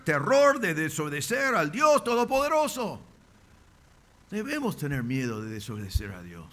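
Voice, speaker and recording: A man's voice: on the high side, sharp tone. A man preaching a sermon as pastor, emphatic, with rising bursts and rhetorical questions. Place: church.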